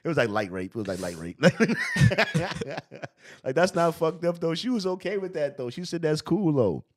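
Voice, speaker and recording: A man, hosting a podcast and reacting to a clip in loud, profane, mocking commentary. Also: on the high side, very animated, moderate pace. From Brooklyn, New York. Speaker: podcast host.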